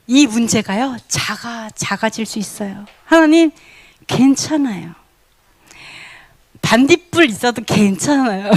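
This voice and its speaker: A woman teaching a Bible sermon in an animated way, asking her listeners many questions, laughing often and acting out quoted voices. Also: high-pitched, dry recording.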